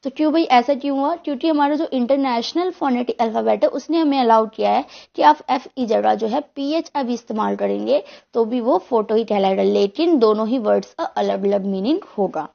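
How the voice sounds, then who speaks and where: A woman's voice: a little high, moderate pace, creaky, few pauses, dull audio. A woman teacher giving an online exam-prep lecture, explaining step by step and answering her own questions.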